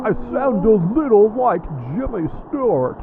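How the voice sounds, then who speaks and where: A man's voice: high-pitched, animated, moderate pace, creaky, phone-quality sound, a little hiss or hum, pitched above the performer's own voice. A podcast co-host, a man, putting on a gurgling underwater voice in a playful, goofy way.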